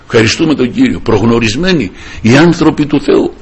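A man's voice: medium pitch, expressive, darkish tone, breathy edge, rough recording. A man preaching a sermon. He speaks fervently, calls his listeners brothers and breaks in often with short cries of praise. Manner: fervent, punctuates with repeated praise exclamations.

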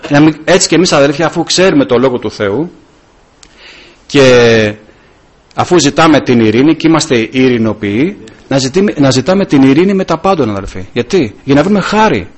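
Middle-aged male deacon, informal sermon, husky, lively pitch, storyteller. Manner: animated storytelling, acting out dialogue. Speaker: deacon preaching. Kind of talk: informal sermon with personal stories.

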